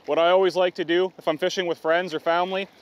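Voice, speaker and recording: A man's voice: sits high, level tone, fast. A middle-aged man, giving a practical outdoor how-to on a riverbank, with plain explaining and some fillers. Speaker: fishing guide demonstrating gear.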